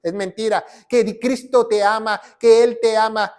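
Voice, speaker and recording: A man's voice: high voice, steady tone, unhurried, a little mellow. A man preaching. He presses his points by repeating short phrases and reciting scripture, teaching his listeners. His voice sometimes drifts off the mic. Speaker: pastor. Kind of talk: sermon teaching.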